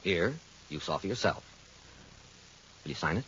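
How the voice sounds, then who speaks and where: An American actor playing a brisk, insistent insurance man who flies planes, urgent and persuasive, in vintage radio drama style. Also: sits low, lively intonation, fairly bright tone, slightly rough, exaggerated voice. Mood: low, persuasive. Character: brisk, insistent male insurance adjuster and pilot. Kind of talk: 1940s-50s radio drama acting. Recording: muffled, noisy old radio recording.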